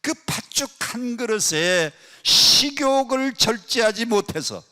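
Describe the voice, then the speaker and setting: A pastor preaching a sermon to a congregation in a prayer retreat hall, swinging from loud, pressing peaks to soft asides and often quizzing the listeners with questions. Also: male voice, very high-pitched, expressive, takes it slowly. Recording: echoey hall with long reverb.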